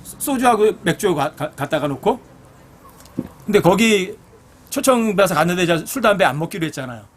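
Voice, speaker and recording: A man's voice: sits high, lively intonation, normal speed, slight background noise. A middle-aged man, a pastor, preaching a blunt, earnest sermon full of personal stories.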